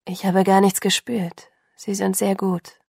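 A woman voicing a calm, dazed young male vampire who speaks softly and murmurs with quiet wonder and a touch of amusement. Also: unhurried, creaky, husky, no room sound, clean studio sound. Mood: murmuring. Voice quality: soft and murmuring. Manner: wondering, lightly amused, lowered voice.

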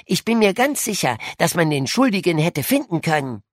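A woman's voice: lowish voice, big pitch swings, moderate pace, dry recording, studio quality. A woman voicing a clever, boastful young boy in an audiobook, speaking eagerly and sure of himself. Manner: eager, self-assured storytelling. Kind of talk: audiobook dialogue reading.

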